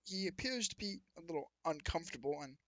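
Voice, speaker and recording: A man runs a tabletop game as game master, narrating scenes in a fairly high voice. He rambles and corrects himself often. The recording is dry and close. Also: lively intonation, fast, fairly bright tone, dry recording.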